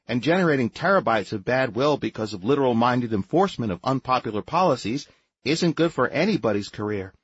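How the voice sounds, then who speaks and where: Man voicing a patient female adjutant, level-headed, brisk, dry close sound. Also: medium pitch, breathy edge, dry recording, muffled recording, voice pushed up. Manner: calm, patient explaining. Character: woman adjutant, patient and dryly sensible.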